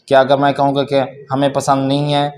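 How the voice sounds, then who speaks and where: A man teaching a language class, explaining a workbook and reading example sentences slowly and carefully. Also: mid-range voice, completely flat delivery, darkish tone, slight background noise.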